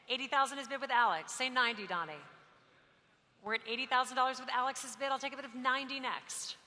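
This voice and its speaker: A woman's voice: sits high, sharp tone. A woman auctioneer calling bids live, repeating figures in a courteous, practiced way. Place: large auction hall. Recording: echoey hall with background noise.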